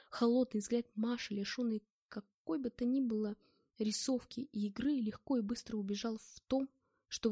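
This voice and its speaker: A woman narrating a first-person novel in a steady, measured reading. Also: on the high side, no room sound, clean studio sound. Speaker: audiobook reader.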